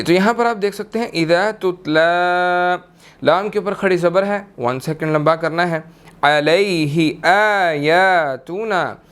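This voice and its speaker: Young male recitation teacher, patient explaining, smooth resonant voice, high-pitched. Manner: patient step-by-step explaining, often checking in with "okay"; drawn-out melodic chanting when reciting verses. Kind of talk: tajweed lesson, recites a verse slowly then explains it.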